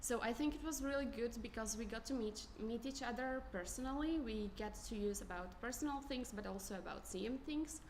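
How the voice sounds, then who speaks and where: A woman's voice: fairly high pitch, a little fast, hardly any pauses, darkish tone, slight background noise. A woman in her twenties from Croatia giving a candidacy speech at an assembly, informal with many fillers and restarts. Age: 20s.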